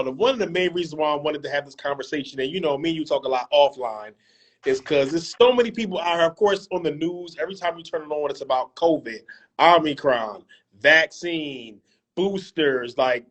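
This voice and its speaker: A man's voice: on the high side, brisk, a bit bright. A man hosting an interview over a video call, casual and joking, full of fillers and repeated phrases. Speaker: host.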